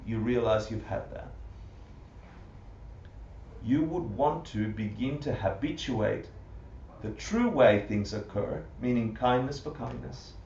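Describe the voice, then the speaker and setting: A man teaching a Buddhist class live to an audience, animated, full of rhetorical questions and often laughing. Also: medium pitch, takes it slowly, gravelly, a little hiss or hum. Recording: roomy, distant, muffled livestream audio.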